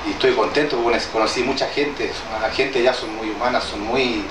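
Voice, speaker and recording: Speaking to a gathering in an indoor meeting hall, a traditional healer from southern Chile, first language Mapudungun, gives an informal address in a mid-range voice with a steady tone. He halts and hesitates, keeps his words plain and restarts many times. The distant capture is echoey, roomy and noisy.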